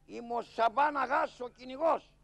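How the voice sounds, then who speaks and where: A man's voice: very high-pitched, full character voice. A man doing a pompous old braggart hunter. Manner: slow, pompous, shouting boasts. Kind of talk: live shadow-puppet theater.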